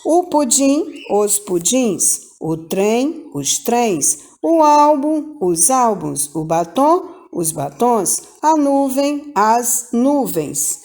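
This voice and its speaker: A woman with a Brazilian Portuguese accent teaching a grammar lesson to children, slow and patient, repeating each example with emphasis. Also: fairly high pitch, sing-song, darkish tone.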